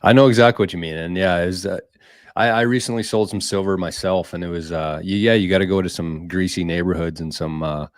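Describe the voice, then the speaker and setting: A man hosting a casual podcast conversation, relaxed and sharing personal stories. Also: deep voice, fairly quick, dry recording, studio quality.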